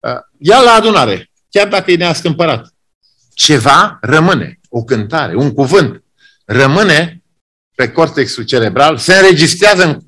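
A man preaching a sermon, swinging between loud exclamations and hushed emphasis, repeating key phrases. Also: medium pitch.

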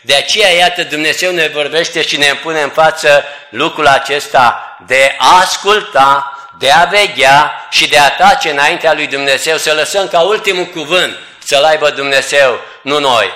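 A man's voice: a little high, sharp tone. Earnest man preaching in an echoey hall. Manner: earnest, repeatedly addressing listeners as beloved. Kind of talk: church sermon. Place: church assembly hall.

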